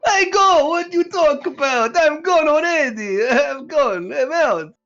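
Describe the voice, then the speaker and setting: A woman's voice: high voice, expressive, takes it slowly, a bit bright, muffled recording, soft background music. A woman player in casual game table chat, joking and laughing.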